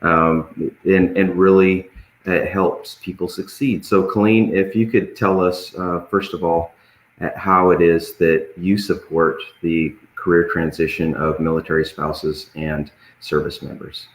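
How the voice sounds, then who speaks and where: A man hosting a casual live panel, joking and somewhat halting as he goes, in a roomy, echoing recording. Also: low voice, level tone. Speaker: host.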